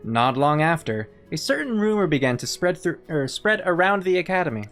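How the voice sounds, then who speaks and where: A woman talks casually through a video game she is playing, thinking aloud and chatting. Her voice sits a little low but moves a lot. Faint music plays behind her. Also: big pitch swings, fairly quick. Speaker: game streamer. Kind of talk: casual let's-play commentary.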